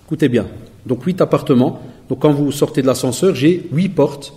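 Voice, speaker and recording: A Belgian preacher in his forties delivers a sermon to a live audience, telling stories, acting out other people's lines, and joking with the crowd. His voice is fairly high and warm at a moderate pace, captured in an echoey hall.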